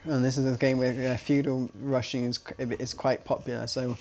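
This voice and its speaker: Male game caster, chatty, rambling, restarts his sentences a lot, mid-pitched voice. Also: little pitch movement, normal speed, a little mellow, lo-fi sound. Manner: rambling, self-correcting, chatty. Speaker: esports caster. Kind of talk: live game commentary.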